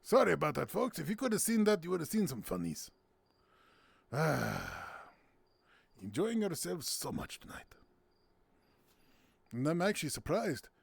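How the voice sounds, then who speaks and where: A playful man chatting his way through a stream, with a gravelly, fry-edged voice. His pitch bounces around a lot as he laughs and jokes. The sound is close and dry, with no room around it. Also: huge pitch swings, measured pace, long pauses, no room sound. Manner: playful and giggly, with silly sound words. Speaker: streamer hosting a game night. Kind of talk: casual gameplay commentary.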